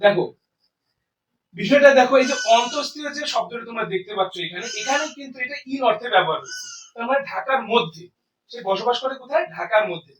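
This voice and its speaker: A man teaching English grammar to students in Bengali and English, explaining slowly and answering his own questions. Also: very high voice, animated, fairly bright tone, echoey room, distant mic, low-quality recording. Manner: explains slowly, asks and answers own questions, often says "ঠিক আছে". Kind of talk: classroom lecture in Bengali and English.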